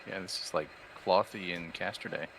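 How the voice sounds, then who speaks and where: A man's voice: low voice, moderate pace, vocal fry, fairly bright tone, rough recording. A man chatting casually with his group while playing an online game, with faint noise on the voice chat.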